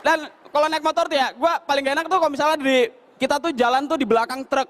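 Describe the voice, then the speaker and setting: A young man doing stand-up. His voice sits very high for a man and the words tumble out quickly. He tells his stories in an animated way, often breaking into shouted, mimicked voices. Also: a faint crowd, a little hiss or hum. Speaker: stand-up comedian. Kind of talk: stand-up comedy routine.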